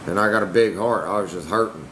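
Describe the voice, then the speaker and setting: This young man's voice is deep, bright and forceful, and he talks fast as he answers his livestream chat bluntly and defensively. He drops Southern-flavored slang in a casual stream recorded in a noisy room humming with air conditioning.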